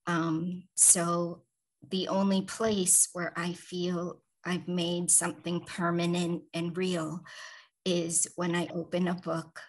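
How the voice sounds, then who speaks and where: Woman, forties, author, video call, slow, flat, low-ish, calm measured phrases. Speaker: author guest. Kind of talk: panel discussion over video call. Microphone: video call, computer mic.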